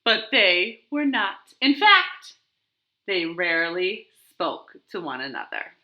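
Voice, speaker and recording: Speaking slowly and with lots of animation, a woman with a lowish voice hosts a children's storytime, reading aloud and talking simply and expressively to little ones. She's a library storytime host at home in her living room, and the lo-fi audio carries a roomy echo.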